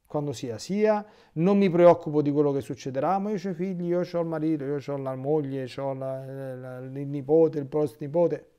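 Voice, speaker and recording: Warm-voiced Italian priest giving catechesis. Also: male voice, on the high side, normal speed, hardly any pauses, clear, resonant tone, muffled recording. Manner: reads a text aloud, breaking off into lively spontaneous asides. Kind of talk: catechesis talk.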